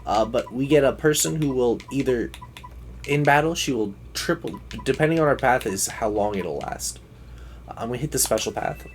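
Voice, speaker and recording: Male livestreamer, medium pitch, loose think-aloud gameplay commentary, noisy backdrop. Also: animated, normal speed. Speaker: video game livestreamer.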